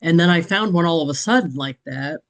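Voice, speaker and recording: A woman's voice: lowish voice, lively intonation, fairly quick, poor audio. A woman chatting casually in a group meeting, rambling along with frequent restarts and light laughter. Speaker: business training participant.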